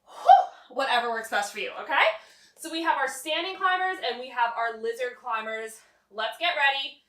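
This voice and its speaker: A woman working as an aerobics instructor, energetically cueing moves and encouraging people while breathy from exertion. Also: sits high, a little fast, pushed and bright. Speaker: aerobics instructor leading a home HIIT workout. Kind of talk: upbeat workout coaching, cueing moves and counting down. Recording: echoey room, distant from the mic.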